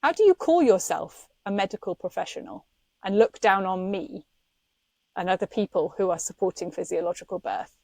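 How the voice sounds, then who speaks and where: A podcast co-host talks with passion and indignation, laughing often. Her mid-range voice is expressive, gravelly and a little mellow, delivered at normal speed with no echo.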